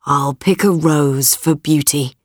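A woman's voice: deep voice, slow, no room sound, studio quality, voice pushed down. A woman voicing a worried middle-aged merchant father in a storybook reading. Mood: earnest.

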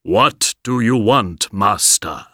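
A man voicing a big magical genie in a storybook reading, who speaks slowly and draws out his spells. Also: on the low side, pushed and bright, dry recording, studio quality, heavily acted. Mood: grand. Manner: slow, drawn-out incantation. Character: big booming magical genie, slow and grand.

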